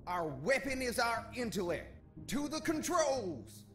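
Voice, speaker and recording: A man's voice: very high voice, sing-song, a little slow, faint music behind, full character voice. A man playing an indignant, self-important nerdy engineer guard in a comic video game.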